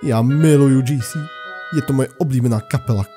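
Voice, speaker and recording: A man's voice: mid-range voice, dark tone, soft background music, pitched above the performer's own voice, natural voice. A man voicing a melodramatic teenage goth girl heroine in a raised, girlish voice, reading a fan fiction aloud.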